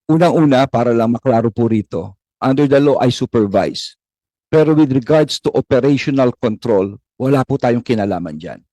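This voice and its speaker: Isang lalaking opisyal ng gobyerno na mahinahon at mapagpakumbabang nagpapaliwanag sa isang pagdinig. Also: male voice, mid-range voice, dark tone, no echo. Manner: measured, conciliatory, explaining. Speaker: government official answering questions. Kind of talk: formal hearing testimony. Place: hearing room.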